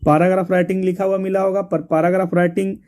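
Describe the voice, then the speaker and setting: A man's voice: high voice, flat delivery, quick pace, darkish tone. A man teaching an exam syllabus, repeating points and spelling words out letter by letter. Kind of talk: explaining a syllabus to students.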